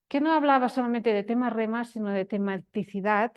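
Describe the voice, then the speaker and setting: A woman's voice: fairly high pitch, brisk, clear, resonant tone, dull audio. A woman giving an academic lecture, explaining step by step with frequent restarts and emphatic rises.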